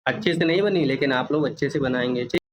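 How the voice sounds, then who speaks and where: A man teaching a children's English workbook, slowly repeating words and their meanings. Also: medium pitch, poor audio. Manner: slow, repeats each word and meaning for children.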